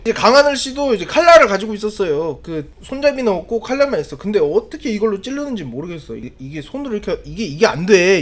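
Animated high-voiced man recapping comedically. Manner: animated, acts out scenes, rambling asides. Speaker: video reviewer.

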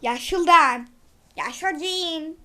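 A playful woman narrating her video game to viewers, chatty and giggly. Her voice sits very high and sounds bright and sharp. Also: very slow. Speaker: gameplay video host. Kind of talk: casual gameplay commentary.

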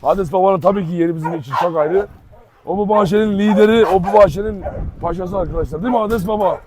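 A man from Turkey hosting a casual vlog outdoors in a dog yard, loud and teasing, coaxing the dogs with pet names. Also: sits high, fast talker, over a noisy crowd. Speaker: dog channel host.

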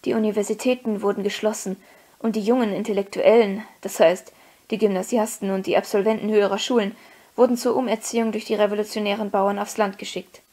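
A woman's voice: medium pitch, fairly even intonation, fast talker, warm tone. Woman reading a novel aloud. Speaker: audiobook reader. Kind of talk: scripted audiobook narration.

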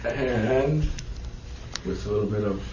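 A man's voice: on the low side, slow pace. A man hosting a casual radio show from a studio and asking loose, rambling questions. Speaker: radio host. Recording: dull roomy studio sound.

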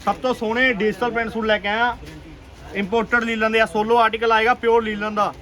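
A man with a Punjabi accent giving an urgent, repetitive, enthusiastic sales pitch as a shop seller on an online video. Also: level tone, a little fast, bright, forceful tone. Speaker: clothing shop seller presenting stock. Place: busy clothing shop.

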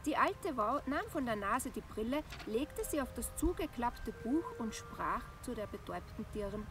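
A woman's voice: on the high side, moderate pace. Woman reading a fairy tale aloud. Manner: expressive, acts out voices in dialogue. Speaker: storyteller. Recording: distant with background music.

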